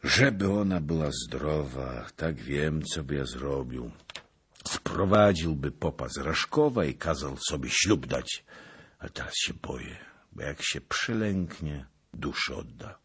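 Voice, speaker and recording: A man voicing a gruff, brooding young Cossack man. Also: rumbling low, expressive, a little slow, a bit bright, exaggerated voice. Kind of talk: audiobook character voice.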